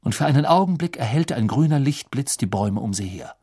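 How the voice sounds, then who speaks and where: Male audiobook narrator, expressive, animated pitch, mid voice. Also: a little fast, slightly rough. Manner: expressive storytelling. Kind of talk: scripted narration.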